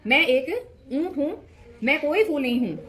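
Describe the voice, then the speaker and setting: A woman's voice: sits high, quick pace, lightly acted. A woman voicing an irritated male camel who answers in exasperated, grumbling replies. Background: background music.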